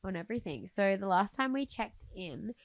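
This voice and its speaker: A woman's voice: medium pitch, animated, normal speed, no room sound. A woman, congested from a cold, co-hosting a vlogcast in casual, chatty conversation. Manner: chatty, laughs often. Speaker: vlogcast co-host. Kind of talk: casual chat.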